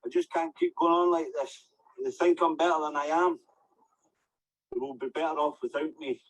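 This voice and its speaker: A man's voice: a little high, expressive, normal speed. A man with a broad Glaswegian Scottish accent, playing a despairing man in crisis in a training role-play. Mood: despairing, defeated. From Glasgow, Scotland. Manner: despairing, resigned. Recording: noisy video clip with background ambience.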